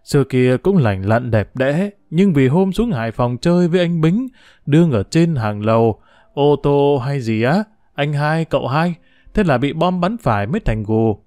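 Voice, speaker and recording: A man narrator voicing a quick-tempered seventy-year-old village man who scolds his wife. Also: on the high side, expressive, warm tone, dry recording, studio quality, natural voice. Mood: chatty. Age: 70s.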